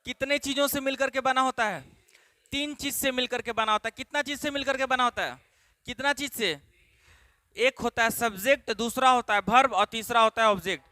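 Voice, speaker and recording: A man teaching an English grammar class in Hindi, repeating questions to drill his students and stretching key words slowly. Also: very high voice, pushed and bright, no echo.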